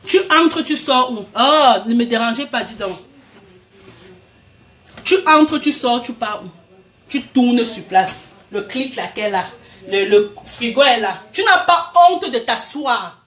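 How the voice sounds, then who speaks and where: A woman's voice: a little high, measured pace, pauses often, a bit bright. A woman, ranting heatedly at people she addresses directly, accusing them and repeating herself. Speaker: vlogger. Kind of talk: angry direct-address rant.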